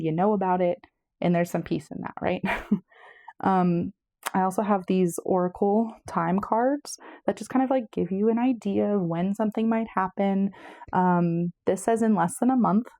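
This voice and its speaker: This tarot reader's mid-range voice has a dark tone, recorded cleanly in a studio with no room sound. She wanders chattily through a casual pick-a-card reading, slightly breathless and often correcting herself.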